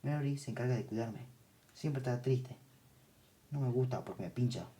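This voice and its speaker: A man voicing a young girl under hypnosis, speaking softly in a childlike, matter-of-fact way. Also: mid-range voice, moderate pace, natural voice. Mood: quiet dreamy.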